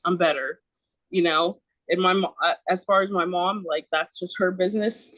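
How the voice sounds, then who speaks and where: A woman's voice: fairly low pitch, steady tone, moderate pace, fairly bright tone, no room sound, low-quality recording. Woman, 30s, podcast guest. Casual, emphatic storyteller, swears a lot, heavy on "like". Dry sound. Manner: emphatic, profane, many "like" fillers.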